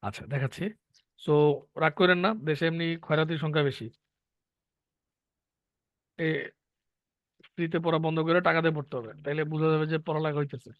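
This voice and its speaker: A man teaches an online class, working through each point step by step and stopping often to quiz his students. His voice sits a little high. The sound is dry and dull, with a lo-fi, muffled edge. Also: fairly even intonation, moderate pace, long pauses, no echo. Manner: explains step by step, asking students questions. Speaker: English teacher.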